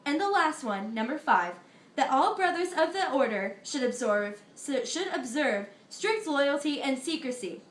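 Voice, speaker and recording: An animated, high-pitched girl's voice echoes through the room as she plays Pythagoras for her school history project. In this mock interview she recites her lines earnestly, hesitating a little and slipping here and there. The character is an earnest older Greek philosopher.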